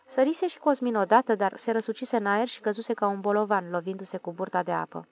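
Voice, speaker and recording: A woman narrates a literary audiobook in a calm, measured voice. Her tone is gravelly, recorded close and dry. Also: mid-range voice, no echo.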